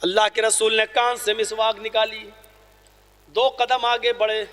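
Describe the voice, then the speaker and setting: A man's voice: high voice, little pitch movement, fairly bright tone. A man preaching a sermon as storytelling, impassioned and emphatic, repeating phrases for weight. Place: large hall at a school function. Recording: reverberant hall with PA.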